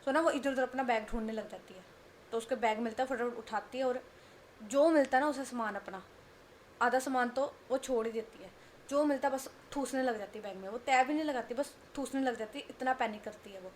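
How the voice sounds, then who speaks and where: A woman narrates a romance story in a loose, chatty way, repeating phrases and checking in with listeners. Her voice sits slightly high. Faint noise hums behind her. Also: a little fast, reverberant. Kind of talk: casual spoken story narration.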